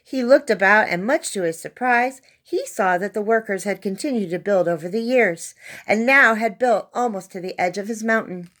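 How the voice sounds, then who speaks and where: A woman with a medium-pitched, fairly bright voice reads a children's story aloud at a moderate pace. She narrates expressively, putting dramatic emphasis on key words.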